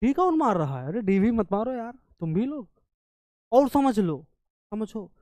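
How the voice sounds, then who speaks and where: A man's voice: high voice, big pitch swings, a little slow, a little mellow, no room sound. A male chemistry teacher, coaching students through exam questions, coaxing and scolding, often asking their questions back in his own voice. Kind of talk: exam-prep lesson.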